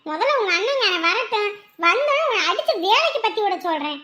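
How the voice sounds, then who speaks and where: A woman's voice: very high voice, sing-song, brisk, pushed and bright, exaggerated voice. A scolding village mother-in-law. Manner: nagging, scolding, mocking. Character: scolding mother-in-law, sharp-tongued older village woman. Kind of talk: TV serial acting.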